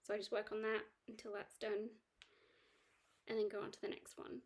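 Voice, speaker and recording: A woman's voice: medium pitch, monotone, a little fast. A woman chatting casually about her cross-stitch projects, rambling with lots of ums and restarts. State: has the hiccups. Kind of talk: casual chat.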